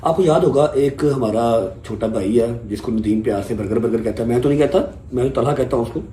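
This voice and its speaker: A man's voice: medium pitch, fairly quick, dark tone. A man from Pakistan vlogging casually, joking and talking straight to his viewers. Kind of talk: casual family vlog chat. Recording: echoey rooms with faint noise.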